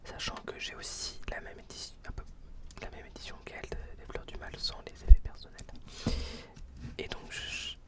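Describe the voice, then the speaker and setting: A man's voice: normal speed, recorded from a distance. A man whispering hesitantly right into the listener's ear as an ASMR host, recorded at home on a close binaural microphone. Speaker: ASMR video host presenting old books. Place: indoors at home.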